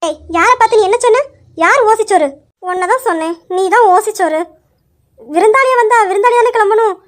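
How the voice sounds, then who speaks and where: A woman's voice: very high-pitched, brisk, pitched above the performer's own voice. A woman voicing a proud, protective young woman of the house, speaking sternly and firmly. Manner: stern, commanding. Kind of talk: amateur Tamil story drama.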